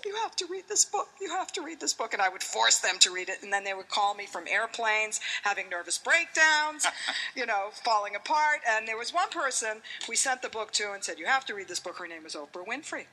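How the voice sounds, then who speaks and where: An animated woman hosts a TV talk show, swinging her pitch widely as she gushes over her guest. Her tone is bright and emphatic. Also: poor audio. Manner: gushing, emphatic. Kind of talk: enthusiastic TV host introduction.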